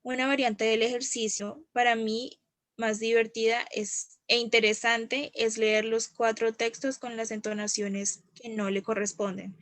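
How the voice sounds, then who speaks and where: A woman's voice: on the high side, level tone, unhurried, a bit bright, dry recording. Woman reading practice texts. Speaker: student.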